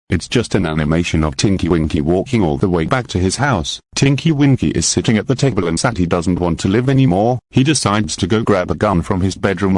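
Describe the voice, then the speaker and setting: Man, young adult, low voice, dry close sound, halting creepypasta reading. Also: no echo. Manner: halting, stumbling read with slips and repeats. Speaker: creepypasta narrator. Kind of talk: amateur horror story reading.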